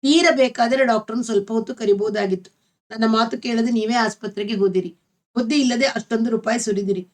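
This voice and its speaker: A woman's voice: fairly high pitch, fairly even intonation, brisk, natural voice. A woman reading the part of an old woman, a stern traditional mother who speaks bluntly. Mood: scolding. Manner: scolding, blunt.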